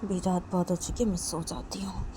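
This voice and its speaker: A woman's voice: on the low side, little pitch movement, fairly quick, noisy background, lightly acted. A woman voicing a stern young mother who scolds firmly and repeats her orders again and again. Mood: muttering annoyed.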